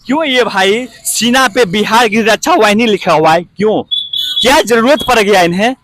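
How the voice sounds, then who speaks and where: Impassioned high-voiced male street reporter. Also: moderate pace, fairly bright tone, slight background noise. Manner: rhetorical questions to politicians, pleading.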